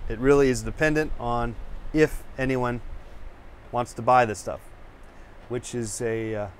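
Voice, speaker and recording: On his own painting show, a man chats casually to camera, rambling with fillers and restarts as he hunts for words. Wired on coffee, he delivers it like a rousing pep talk. His mid-range voice is steady and unhurried, with slight background noise.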